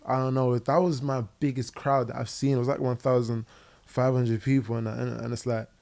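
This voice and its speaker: A young Londoner, a guest musician, chats casually in a podcast interview, peppering his talk with fillers and "innit." His mid-range voice barely moves in pitch, comes at a normal speed, and sounds creaky and darkish. He's on a living room podcast set, picked up by a boom mic on an arm.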